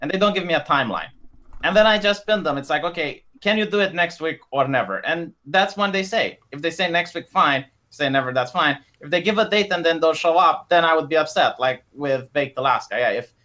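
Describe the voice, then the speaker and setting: Bright, stammering man in debate. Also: fairly high pitch, brisk. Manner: stammering restarts, animated. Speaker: guest debater. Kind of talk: casual livestream debate.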